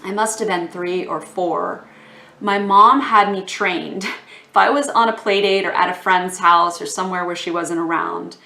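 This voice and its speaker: A woman's voice: lowish voice, fairly even intonation, moderate pace, gravelly, pushed and bright. Chatty woman in an echoey room. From Texas. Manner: chatty, conversational, with fillers. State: losing her voice. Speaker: yoga vlogger. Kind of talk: casual vlog to camera.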